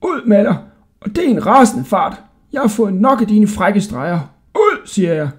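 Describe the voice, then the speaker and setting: A man's voice: sits high, big pitch swings, mellow, husky, pitched above the performer's own voice, exaggerated voice. A man voicing a bewildered, grumbling old male jailer in a storybook reading. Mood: angry. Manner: muttering, flustered.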